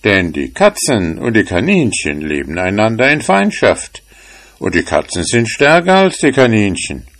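A man's voice: lowish voice, huge pitch swings, moderate pace, a bit bright, full character voice. A man voicing a sly, scheming hunting dog in a storybook tale, speaking in a raised, boastful way.

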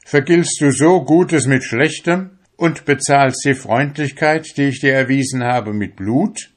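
A man voicing an outraged merchant who shouts at the one who wronged him, in a storybook reading. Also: medium pitch, measured pace, pitched above the performer's own voice, lightly acted.

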